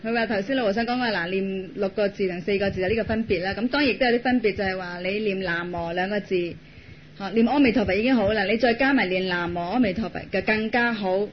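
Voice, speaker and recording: A man with a Cantonese accent interpreting a monk's talk phrase by phrase, in a brisk way. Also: sits high. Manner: brisk, relaying each phrase. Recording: dull lo-fi recording with faint hiss.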